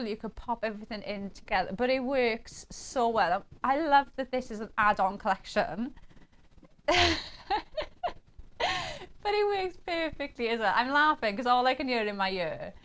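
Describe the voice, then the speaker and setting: A woman's voice: a little high, lively intonation, a little fast. A woman presenting craft products live on a shopping channel, chatty and cooing over how cute the designs are.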